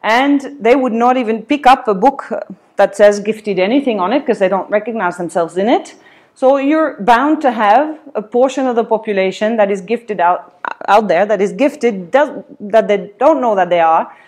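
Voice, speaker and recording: A woman's voice: mid-range voice, expressive, moderate pace, darkish tone. A woman from Switzerland presents a seminar in an indoor meeting room, picked up by a camera some distance away. Her delivery is loose and hesitant, full of ums and uhs, with frequent small laughs. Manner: many fillers, hesitant, laughs often. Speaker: seminar speaker. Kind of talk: academic seminar talk. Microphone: far camera.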